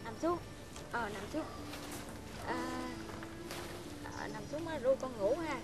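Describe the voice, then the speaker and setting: A woman playing a frail, confused old grandmother in a comedy sketch, speaking softly and tenderly in a trembling, sing-song way. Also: extremely high pitch, moderate pace, over music. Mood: soothing. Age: older. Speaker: grandmother character. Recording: loud background noise, distant voice.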